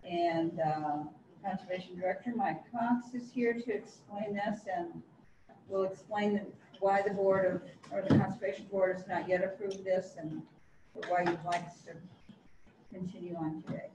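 A woman's voice: medium pitch, fairly even intonation. Woman chairing a county board. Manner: brisk procedural. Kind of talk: chairing a public board meeting. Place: county board meeting room. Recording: roomy, distant mic, audible hum.

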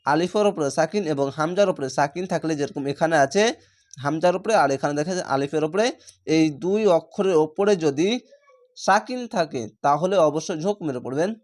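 A man teaching Quran reading step by step, spelling out each letter and then chanting the joined word slowly and drawn out. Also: on the high side, darkish tone. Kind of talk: spelling-out recitation lesson.

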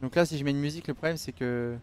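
A man's voice: mid-range voice, racing, a little mellow, clean tone. A man streaming a racing game live, chatting casually and reading viewer messages aloud in loose slang. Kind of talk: casual live-stream chat while gaming.

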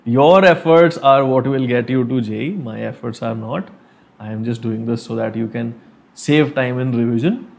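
A man's voice: mid-range voice, normal speed, gravelly, darkish tone. A young man with a North Indian accent teaching a live revision lesson as an online teacher, informal and explaining step by step, often asking questions and mixing languages. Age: young adult. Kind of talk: live exam revision lesson, switching between English and Hindi. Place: small furnished room at home, indoors.

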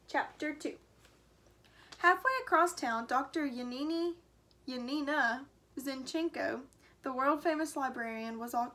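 A woman teacher reading a chapter book aloud to her class, expressive and acting out the dialogue. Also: high voice. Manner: expressive, acts out character lines. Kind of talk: storybook read-aloud. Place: home.

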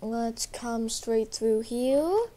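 Though unwell, with a bit of roughness in her voice, a young female YouTuber talks through a gameplay walkthrough very casually. Her voice is on the high side, expressive and dark in tone, and she speaks extremely slowly, rambling hesitantly with many fillers.

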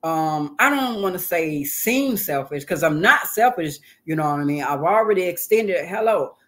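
A woman's voice: lowish voice, lively intonation, moderate pace. A woman guest on an interview show, talking casually and earnestly, repeating phrases for emphasis. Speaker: guest, hip hop artist and author.

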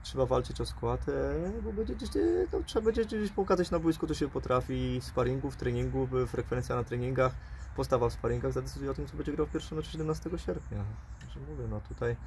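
A man in his forties, a football coach, interviewed outdoors by the pitch, talking fast and hedging with repeated fillers. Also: a little mellow, a little hiss or hum. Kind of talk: post-match interview. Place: outdoors by a pitch, under a dugout shelter.

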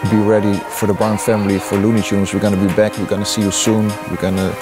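A man's voice: on the low side, level tone, quick pace. Upbeat man over music. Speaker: DJ interviewee. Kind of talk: documentary interview. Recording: music bed under voice.

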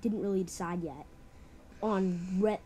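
A woman's voice: medium pitch, a little slow, dark tone, slight background noise. A young woman giving a casual walkthrough of her game map, rambling and leaning on "pretty much". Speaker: map builder giving a tour.

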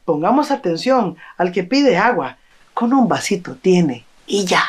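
Expressive woman storyteller. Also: lowish voice, unhurried, heavy background noise. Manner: expressive, sing-song. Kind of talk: oral folk tale telling.

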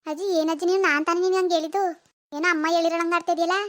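Woman doing a young cartoon mother, pleading, explaining, rural Kannada village dialect, high, quick. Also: fairly even intonation, fairly bright tone. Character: young mother defending herself, patient. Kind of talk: cartoon voice acting.

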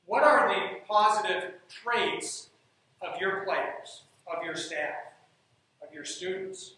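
On a dark stage in a large hall, a man delivers an emphatic talk on leadership and coaching, often repeating his key phrases. His voice is high-pitched and sharp, and he speaks slowly. The recording is echoey and heard from a distance.

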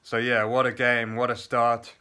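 A young man gives a casual, chatty post-match review straight into his phone in a small plain room. His voice is bright and clear, held on a fairly level pitch, full of "uh"s and restarts. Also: normal speed. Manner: chatty, lots of fillers and restarts, excited play-by-play. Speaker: football fan vlogger. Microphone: phone camera at arm's length.

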